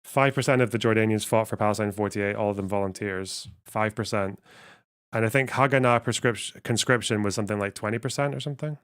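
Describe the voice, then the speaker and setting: A young man streams his reaction to a debate, thinking aloud, swearing, and commenting bluntly and sarcastically in casual fashion. His voice is lowish, quick, smooth and fairly bright.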